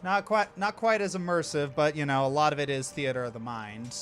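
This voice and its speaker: A man's voice: a little high, a bit bright, soft background music. A man narrating a tabletop game casually as game master, often backtracking on his sentences. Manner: halting, backtracking.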